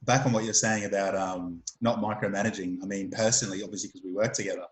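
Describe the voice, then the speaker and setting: Male host, slightly low, halting friendly delivery, recorded in an echoey room. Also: steady tone. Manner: stammering repeats and many ums. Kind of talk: casual interview chat.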